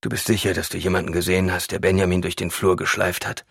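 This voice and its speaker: A man's voice: sits low, flat delivery, quick pace, creaky, a bit bright, slightly rough, no echo, studio quality, full character voice. A man reading an audiobook aloud, voicing a shaken husband who asks clipped, urgent questions.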